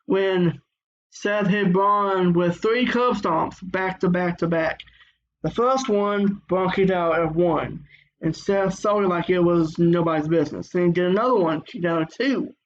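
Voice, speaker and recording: A man's voice: sits high, highs cut off. A man giving a casual, rambling review of a wrestling show, full of fillers and restarts.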